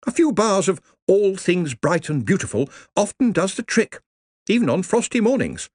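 A man's voice: sits high, big pitch swings, moderate pace, darkish tone, husky, no echo, studio quality, voice pushed up, exaggerated voice. A man voicing a proper, earnest middle-aged woman librarian who is a vicar's daughter.

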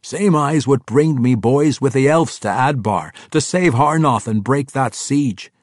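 A gruff, boastful dwarf warlord voiced by a man barks out his plans in blunt, rough common speech, pitched well above the reader's own low tone and pushed louder. The reading is dry and close. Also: a little slow, dry recording, natural voice.

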